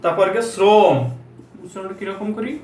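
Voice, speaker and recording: A man teaching pronunciation, repeating example words slowly and asking rhetorical questions. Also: high voice. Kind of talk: Bengali pronunciation lesson. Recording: echoey room, mic at a distance, faint ambience.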